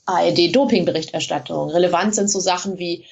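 A woman's voice: on the low side, fast talker, vocal fry, breathy edge, muffled recording. A woman blogger being interviewed, explaining things in a chatty way with frequent hesitations. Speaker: blogger in Russia, guest. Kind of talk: casual interview.

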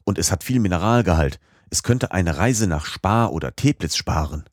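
A man voicing an excitable older professor with a brisk, lecturing manner in an audiobook. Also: low voice, no room sound, studio quality. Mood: eager. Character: excitable older male professor, eager and commanding. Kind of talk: audiobook character voice.

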